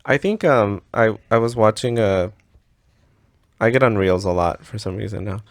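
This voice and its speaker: Low-voiced easygoing man in his thirties. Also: normal speed, dry recording, studio quality. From United States. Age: 30s. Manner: chatty and easygoing, laughs easily. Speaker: podcast co-host. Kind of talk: casual chat.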